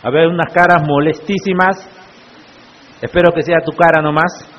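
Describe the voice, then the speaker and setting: A man's voice: on the high side, fairly even intonation, moderate pace, a little hiss or hum. A male pastor preaching a sermon in church, often putting rhetorical questions to the congregation. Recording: echoey church hall, muffled lo-fi sound.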